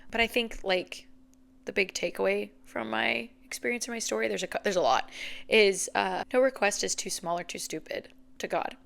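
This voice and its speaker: In her thirties, this woman hosts a faith podcast and delivers a reflective monologue in a medium-pitched, gravelly, slightly bright voice at a moderate pace. She speaks earnestly and from the heart, often emotional and near tears, sprinkling in plenty of "like" and "you know."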